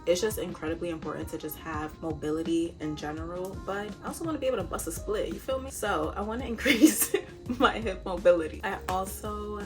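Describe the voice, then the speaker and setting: A young woman with a slightly low voice chats earnestly to camera in a casual vlog, breaking into easy laughs. Her voice is captured on a phone, with music playing underneath. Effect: recorded on a phone. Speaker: fitness vlogger.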